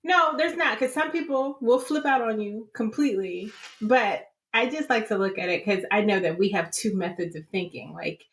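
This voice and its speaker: A woman's voice: fairly high pitch, expressive, moderate pace, few pauses. A woman guest on a podcast, teasing the hosts in casual chat and laughing.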